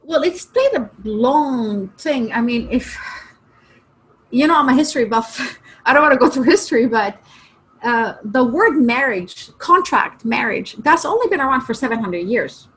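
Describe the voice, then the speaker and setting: A high-pitched woman from Kuwait talks as a hypnotherapist guest in an interview. She speaks with lively emphasis and quick bursts, pushing key words hard. Her voice sits well above the usual female range. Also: poor audio. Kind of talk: interview answers.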